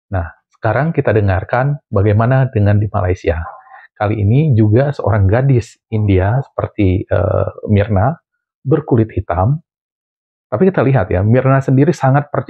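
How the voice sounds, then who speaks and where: A man's voice: lowish voice, husky, no room sound. A man from Indonesia hosting a vlog, giving emphatic commentary on video clips and repeating his points. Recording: tinny phone-like sound.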